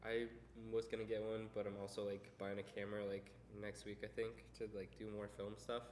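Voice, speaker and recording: A man's voice: on the low side, flat delivery, a little fast, a little mellow, slight background noise. A young man co-hosting a casual podcast in a rambling, self-deprecating way, recorded on a shared mic in a roomy space. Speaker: podcast co-host. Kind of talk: casual unscripted podcast chat. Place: indoor room, around a table. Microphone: one shared mic on a table.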